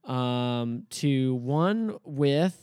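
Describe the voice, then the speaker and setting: A man co-hosting a podcast, retelling things in a relaxed way with many fillers. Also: mid-range voice, drawn-out words, smooth, no room sound, studio quality. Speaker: podcast co-host. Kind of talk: casual chat.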